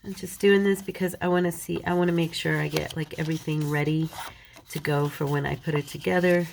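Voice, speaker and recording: Folding paper through a crafting tutorial, a woman with a slight cold keeps up casual, mildly self-deprecating chatter as she works. She speaks fairly quickly in a deep, steady, creaky voice with a darkish tone, over a faint hiss or hum.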